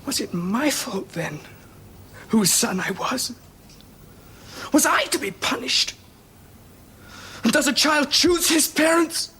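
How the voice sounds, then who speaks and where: A man's voice: fairly high pitch, brisk, a bit bright, a little hiss or hum, natural voice. An actor playing a resentful young Roman prince confronting his father, in 1970s television drama style. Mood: anguished.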